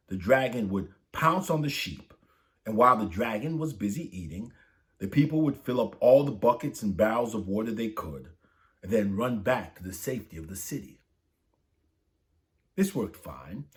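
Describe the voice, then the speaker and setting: Reading a saint's story aloud for children, this man has a fairly low voice and a moderate pace. He's lively as a storybook reader and raises his voice whenever a character speaks.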